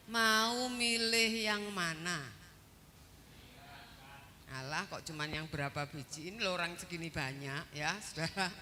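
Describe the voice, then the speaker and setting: A woman pastor delivering an interactive sermon, questioning her congregation in a slow, emphatic way. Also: mid-range voice, bright, forceful tone, slight background noise.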